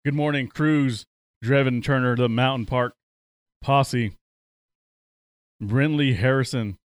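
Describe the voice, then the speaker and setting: A man's voice: mid-range voice, slow pace, smooth, no room sound. Guy hosting a morning radio show, laid-back rambling storyteller, dry studio sound. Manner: relaxed, rambling anecdotal delivery with laughs. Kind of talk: casual radio chat and storytelling.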